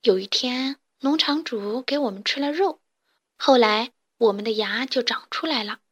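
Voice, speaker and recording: A woman's voice: a little high, normal speed, fairly bright tone. A woman voicing a chirpy little alien chick. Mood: lively. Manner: chirpy, eager and a bit proud. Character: cheerful young male alien chick student. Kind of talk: storybook character voice.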